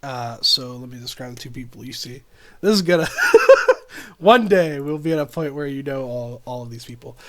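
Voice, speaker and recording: A man's voice: mid-range voice, normal speed, fairly bright tone. A man narrating a tabletop game as game master, chatty and often laughing between descriptions.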